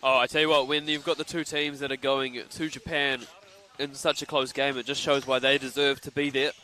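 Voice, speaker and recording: A man's voice: mid-range voice, brisk. A man with a New Zealand accent doing live courtside basketball commentary, joking and bantering with his co-host. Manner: joking, excitable play-by-play.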